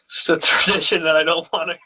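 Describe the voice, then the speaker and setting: Man, fairly high voice, teasing, laughing, swearing, gaming voice chat. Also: little pitch movement, fast talker, bright, forceful tone, breathy edge, poor audio. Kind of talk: casual voice chat while gaming.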